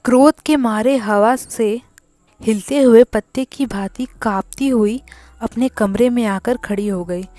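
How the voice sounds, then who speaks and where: A woman narrating a classic short story as a storyteller, with a measured, deliberate reading. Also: a little high, mellow, no echo, faint music behind.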